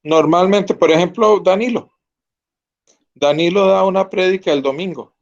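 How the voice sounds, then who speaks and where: A man's voice: high-pitched, normal speed, gravelly, darkish tone, muffled recording. Earnest teacher, man. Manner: earnest, asks students to confirm. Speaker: Bible teacher. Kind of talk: Bible class teaching.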